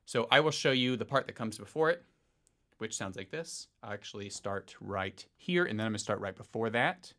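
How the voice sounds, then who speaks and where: A man teaching a piano lesson, explaining rhythm in a relaxed way and counting beats aloud in a sing-song voice. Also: lowish voice, normal speed. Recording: faint piano music underneath. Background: piano playing.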